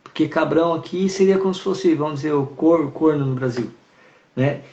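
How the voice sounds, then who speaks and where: A man's voice: a little high, moderate pace. A man, a horse trainer telling stories animatedly in a live-stream conversation. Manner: animated, storytelling with acted-out greetings. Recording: roomy, dull video-call sound.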